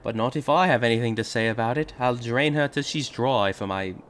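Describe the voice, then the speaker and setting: A man's voice: mid-range voice, brisk, fairly bright tone, a little hiss or hum, natural voice. A man putting on a sly, scheming witch. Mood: sly denial. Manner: mock-innocent denials. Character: sly scheming female witch, feigning innocence.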